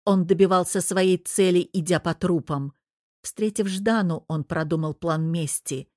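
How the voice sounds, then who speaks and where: A woman reading a novel aloud in a steady storytelling voice, pitched fairly low. She is recorded close to the mic, and the sound is dry, with no room echo. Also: measured pace. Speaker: audiobook narrator. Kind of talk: scripted narration of a romance novel.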